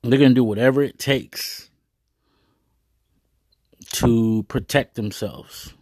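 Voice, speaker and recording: A man's voice: mid-range voice, slow, darkish tone, no room sound, clean studio sound. A man giving a rambling, earnest monologue to his viewers, full of hesitations and fillers. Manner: earnest, proud.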